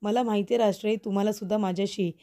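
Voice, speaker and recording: A woman's voice: mid-range voice, steady tone, racing, mellow, lightly acted. A woman voicing a tearful young woman employee in a serial recap, reading her lines politely and pleadingly.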